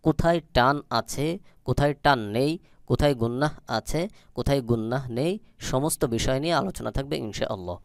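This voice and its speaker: A man with a Bangladeshi Bengali accent teaching Quran recitation, spelling out syllables slowly and deliberately and repeating them. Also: medium pitch, smooth, no room sound, clean studio sound.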